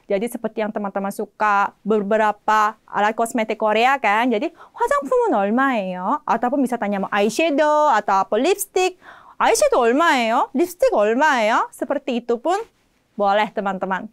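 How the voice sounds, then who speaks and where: A woman teaching an online language lesson, speaking lively and repeating phrases slowly and clearly for learners. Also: on the high side, dry recording, clean studio sound. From Indonesia.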